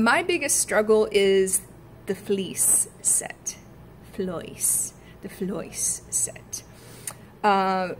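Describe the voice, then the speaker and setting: A woman talks casually through her notes on an accent, thinking aloud with plenty of fillers. She breaks off now and then to try out short sounds. Her voice sits at an ordinary middle pitch, with a faint background hiss on the recording. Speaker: acting student. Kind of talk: casual spoken practice notes.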